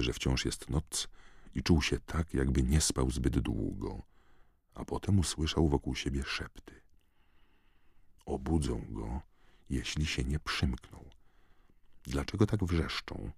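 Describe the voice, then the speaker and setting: Very deep, husky male audiobook narrator. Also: darkish tone, no room sound, studio quality. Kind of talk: audiobook reading.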